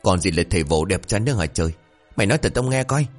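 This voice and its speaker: A man voicing a vain, hot-tempered, toothless old sorcerer with a shrill voice, cursing and scolding in rapid outbursts. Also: animated, faint music behind. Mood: angry scolding. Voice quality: shrill lisping voice from missing front teeth.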